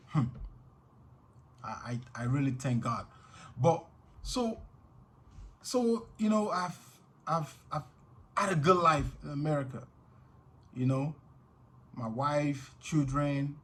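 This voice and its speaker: Nigerian guy in his middle years telling his own story, earnest, lots of you know, pitch right in the middle. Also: slight background noise. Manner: earnest, frequent "you know" fillers, grows intense when reliving danger. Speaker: vlogger. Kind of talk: personal storytelling to camera.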